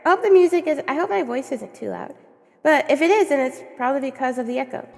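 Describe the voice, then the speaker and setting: A woman's voice: high voice, animated, fast, vocal fry. A woman streamer chatting casually with viewers, giggly and rambling, stumbling over words, her voice echoing through a cave. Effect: cave echo. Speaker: livestream host. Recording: long echoing cave reverb.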